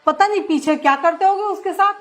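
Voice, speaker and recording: A woman's voice: very high voice, a little fast. A woman playing an indignant protective mother. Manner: scolding, indignant. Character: protective middle-aged village mother, indignant. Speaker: wife's mother.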